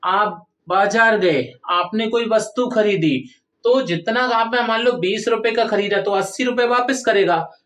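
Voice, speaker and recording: A male teacher explaining Hindi grammar in a slow, repetitive classroom style, stressing key words and asking his students rhetorical questions. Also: high-pitched, a bit bright, reverberant.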